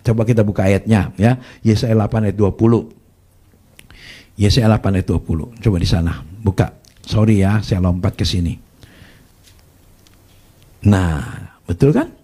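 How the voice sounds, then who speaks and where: Husky-voiced man preaching. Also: lowish voice. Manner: lively storytelling with quoted voices and crowd prompts. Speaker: pastor. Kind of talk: sermon with testimony. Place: church.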